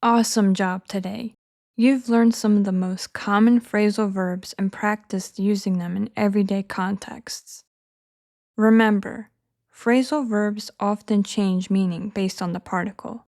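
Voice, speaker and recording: Measured woman teaching English phrasing. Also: medium pitch, steady tone, a little mellow. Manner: clear, measured, encouraging teaching delivery. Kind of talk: scripted lesson narration.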